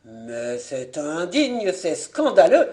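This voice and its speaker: A reader voicing a proud, indignant middle-aged Frenchman, speaking forcefully in a slightly lower, louder voice. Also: expressive, a little slow. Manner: forceful, declaiming.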